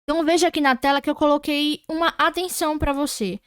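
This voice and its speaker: A Brazilian woman teaching an online Portuguese grammar lesson, patiently repeating words slowly and checking that students follow. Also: high voice, steady tone, fairly bright tone, no room sound, studio quality.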